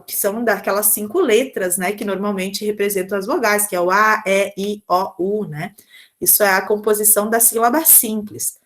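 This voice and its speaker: Brazilian lady teacher, kinda high voice, patient slide lecture, keeps asking if you follow. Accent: Brazilian Portuguese. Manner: patient, explanatory, often checks in with tag questions. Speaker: teacher giving a lesson on early literacy. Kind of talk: recorded online lecture over slides.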